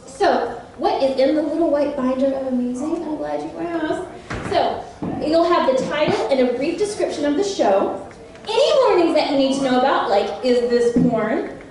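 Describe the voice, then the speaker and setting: High, chatty woman in an echoey hall. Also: moderate pace, recorded from a distance, slight background noise. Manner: chatty and animated, laughs often, quizzes the audience. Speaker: voice actress on a convention panel. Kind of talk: convention panel talk to an audience. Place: large convention panel room.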